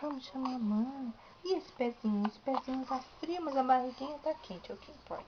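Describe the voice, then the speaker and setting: A woman's voice: high-pitched, a little fast, dull audio, noisy background. A mother cooing to her baby in sing-song baby talk at home.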